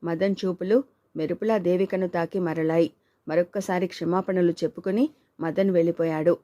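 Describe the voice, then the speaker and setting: Female audiobook narrator, mellow, dry booth sound, voices the dialogue herself. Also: on the low side, steady tone, normal speed, no echo. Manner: reads all characters, male and female, in her own voice.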